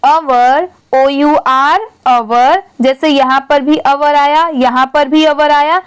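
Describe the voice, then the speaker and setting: A woman teaching English reading, spelling each word letter by letter and then sounding it out, patiently explaining in Hindi. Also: high-pitched. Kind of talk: online reading lesson.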